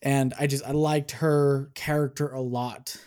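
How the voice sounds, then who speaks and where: A man co-hosting a film podcast who speaks slowly and deliberately, with a middle-pitched voice. His remarks are dry and measured, and he takes his time as he weighs a film's strengths. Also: flat delivery, darkish tone. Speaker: podcast co-host. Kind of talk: casual film review chat.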